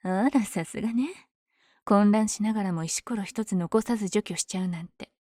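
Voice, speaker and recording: Villainess for ASMR audio drama, female actor: dark velvety tone, cocky, smitten with her rival, teasing delivery, dry intimate sound. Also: mid-range voice, moderate pace, no echo, lightly acted. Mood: playful, cocky. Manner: teasing, breathy asides. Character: powerful flirtatious villain lady, smitten with her hero rival.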